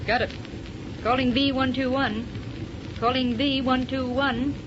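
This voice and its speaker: A woman playing a plucky young female rocket co-pilot in a 1930s radio drama, crisp and matter-of-fact. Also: high voice, flat delivery, measured pace. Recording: dull old radio recording with loud hiss.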